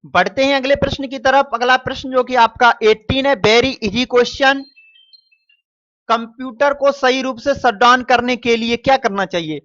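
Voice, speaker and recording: A man's voice: very high-pitched, fairly bright tone. A male teacher goes through a quiz paper question by question, stretching out each answer and calling his students "dear children". He slips English phrases into his explanations. The recording is muffled and dry, with no room echo. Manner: repeats and stretches answers slowly; mixes English phrases into Hindi. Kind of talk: exam paper walkthrough lesson.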